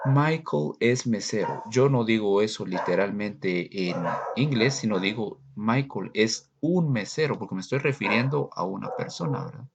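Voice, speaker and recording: A man teaching English grammar in a recorded lesson, slowly and patiently explaining and repeating examples. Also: lowish voice, animated, creaky, muffled recording, background noise.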